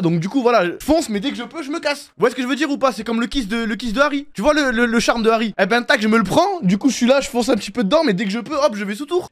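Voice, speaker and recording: A young man from France chats loosely with his live-stream audience, full of slang and restarts. His voice sits quite high for a man. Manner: slangy, rambling, talks to chat. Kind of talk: casual live-stream chat.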